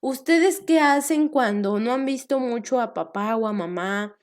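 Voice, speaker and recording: A young woman teaches a children's Bible lesson in a fairly high voice. She talks slowly and keeps stretching out words. She asks her small listeners question after question and sometimes drops into a hushed whisper. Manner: animated, drawn-out repetitions, asks the children questions.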